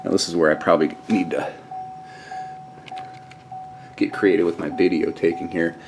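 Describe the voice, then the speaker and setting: Over music, a middle-aged DIY vlogger gives a casual, folksy hands-on walkthrough in and around a pickup truck at a garage. His voice is low and steady at a moderate pace. It was captured on a handheld camera mic, so the camcorder audio is noisy.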